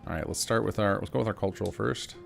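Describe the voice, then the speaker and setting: A man's voice: fairly low pitch, fast, creaky. A man giving casual gameplay commentary as a developer, informal and explanatory. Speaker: game mod developer giving a demo. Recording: faint game music behind.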